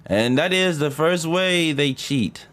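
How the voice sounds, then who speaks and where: A man's voice: fairly high pitch, slow, a bit bright, faint music behind. A male streamer reading a game story aloud, with profane, exasperated asides.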